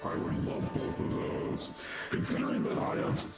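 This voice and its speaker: A man talking through a voice changer, chatting casually and eagerly as a roleplay server actor. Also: moderate pace. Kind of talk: casual out-of-character chat. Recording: roomy echo with loud music behind.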